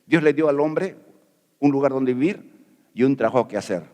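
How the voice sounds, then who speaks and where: A man's voice: medium pitch, normal speed, dark tone, big-room sound. A middle-aged man from Peru preaching a sermon as pastor, folksy and jokey, asking rhetorical questions.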